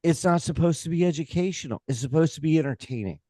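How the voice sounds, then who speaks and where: An American man talking casually in an interview as a stage hypnotist and comedy performer, emphatic and opinionated, halting and using rhetorical asides. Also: on the high side, mellow, dry recording.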